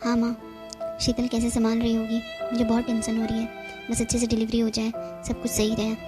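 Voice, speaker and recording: A woman's voice: on the high side, completely flat delivery, brisk, over music, natural voice. A woman voicing an anxious, earnest young husband and new father in a cartoon. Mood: worried. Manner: worried, earnest. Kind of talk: cartoon voice acting.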